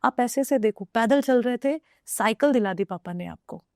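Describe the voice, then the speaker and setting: A woman's voice: on the high side, animated, moderate pace, darkish tone, dry recording, studio quality. A young woman from Uttar Pradesh, India, speaking as a guest in a casual conversation. She is reflective and moves between Hindi and English as she talks.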